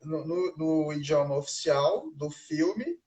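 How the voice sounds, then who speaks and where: Man, interview host, slightly high voice, relaxed rambling questions. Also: slow pace. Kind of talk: casual interview.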